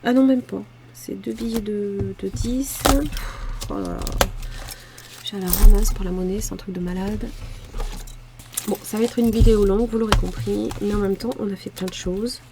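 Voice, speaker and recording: A woman's voice: mid-range voice, fairly even intonation, moderate pace, background noise. A woman in her forties with a southern French accent, chatting casually about her budget challenges and muttering little asides as she sorts her cash. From France. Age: 40s. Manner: chatty, self-deprecating, muttering asides while handling cash. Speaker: budgeting vlogger. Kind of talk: casual talk to camera while filling savings challenges.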